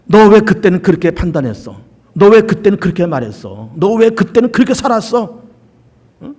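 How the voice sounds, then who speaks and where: A man's voice: sits high, big pitch swings, normal speed, a little mellow. A man voicing God as a judge who questions a believer about his life, asking the same pointed questions again and again. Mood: rebuking. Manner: repeated probing questions.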